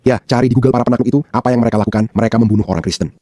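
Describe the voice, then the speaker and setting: Mellow-voiced man giving emphatic commentary. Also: medium pitch, racing, no room sound, clean studio sound. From Pakistan. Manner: emphatic, repeats points for effect. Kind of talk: opinionated commentary.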